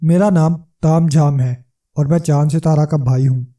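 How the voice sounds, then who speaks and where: A man's voice: on the high side, fairly even intonation, mellow, far from the mic, lightly acted. A man voicing a mocking, whiny young man who taunts his sister's husband, in a storybook reading. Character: mocking tearful young male brother-in-law.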